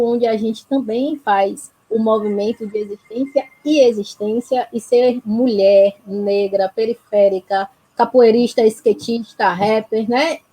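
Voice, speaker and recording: This panel host, who supports a health project institutionally, has a fairly high, slightly mellow, husky voice with a Bahian Brazilian accent. The recording is rough. Her conversational talk is reflective and earnest, frequently tagged with questions that invite agreement.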